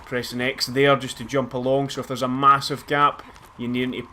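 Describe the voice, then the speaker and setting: A man's voice: mid-range voice, flat delivery, moderate pace, slight background noise. A man with a Scottish accent giving casual, chatty and self-mocking commentary over a game as a let's play host. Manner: chatty, self-mocking, bursts into loud laughs.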